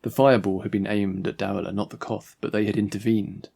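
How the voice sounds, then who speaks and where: A man giving measured, scripted narration of his own audiobook story as its author and narrator. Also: on the low side, level tone, vocal fry, dark tone.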